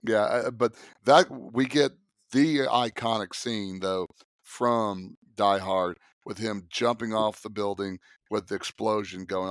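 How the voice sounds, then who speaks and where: A man co-hosting a casual movie podcast, chatty and relaxed, with a slight cough. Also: lowish voice, clean tone, no echo, clean studio sound. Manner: relaxed, chatty, acts out lines in quotes. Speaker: podcast co-host.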